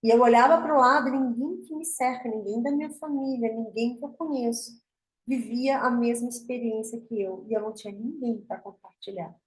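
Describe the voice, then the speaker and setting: A Brazilian woman with a fairly high voice speaks to an online circle of women with open, earnest feeling. Her pace surges and then slows as she tells her story. The room around her is roomy and echoey. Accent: Brazilian Portuguese. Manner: earnest and emotional, speeding up and slowing down in bursts. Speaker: host of an online women's spiritual meeting. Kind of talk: heartfelt personal testimony to an online group. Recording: roomy echo.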